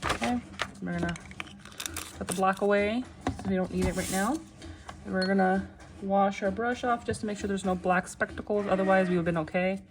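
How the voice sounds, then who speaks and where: A woman giving a casual, step-by-step craft tutorial in a reassuring, unhurried way, often checking in, with machine noise behind her. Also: medium pitch, fairly even intonation. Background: machines running, clicking sounds.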